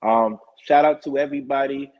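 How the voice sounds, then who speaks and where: A man hosting his own live talk show, rambling through shout-outs and sponsor plugs in casual chat. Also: medium pitch, fairly even intonation, normal speed. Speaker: show host. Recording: dull lo-fi stream audio.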